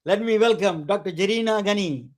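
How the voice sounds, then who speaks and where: A man hosting a webcast, introducing guests in a halting way with many restarts and fillers. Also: high voice. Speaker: webcast host. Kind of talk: casual interview introduction.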